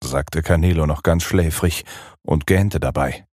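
A man reading a children's story aloud in a calm, measured way. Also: very deep voice, no echo, clean studio sound.

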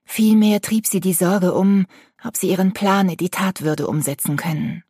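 A woman in her sixties reading an audiobook in a calm, measured way. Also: on the low side, slightly rough, no echo, studio quality. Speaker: audiobook narrator. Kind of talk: scripted narration.

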